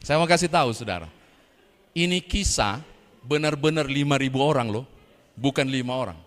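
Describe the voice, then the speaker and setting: A pastor from Indonesia preaching a sermon with lively, humorous storytelling in a church. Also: male voice, medium pitch, normal speed. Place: church sanctuary. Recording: echoey church hall.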